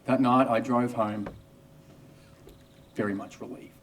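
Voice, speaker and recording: Australian male doctor, storytelling monologue, wry humour, distant mic, mid-pitched. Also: fairly even intonation, a little slow, a little hiss or hum. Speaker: obstetrician. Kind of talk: first-person storytelling monologue.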